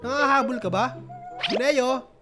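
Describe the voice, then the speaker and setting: A Filipino woman with a stuffy, nasal voice chatting through a horror game, reading game text aloud and shrieking when startled, with loud game music behind her. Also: sits high, unhurried. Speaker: gaming streamer. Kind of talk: casual horror game commentary.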